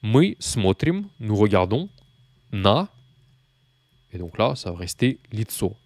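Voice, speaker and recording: Low-voiced man teaching. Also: animated, slow pace, no echo. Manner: hesitant, many fillers and restarts; addresses the learner informally, patient explaining. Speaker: Russian language teacher. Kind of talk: spoken language lesson.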